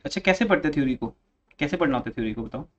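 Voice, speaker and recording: A man teaches economics to a class, stopping to correct and scold his students as they read aloud. His voice sits fairly high. The recording is dull and lo-fi, as if made in the classroom. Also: animated, rapid-fire, a little hiss or hum. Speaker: commerce teacher.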